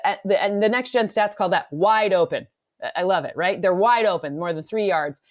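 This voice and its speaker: A woman from Michigan, an analytics expert co-hosting a sports podcast, talking in rapid, enthusiastic bursts and often restarting her sentences. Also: medium pitch. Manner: rapid, self-correcting, enthusiastic. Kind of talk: casual sports podcast chat.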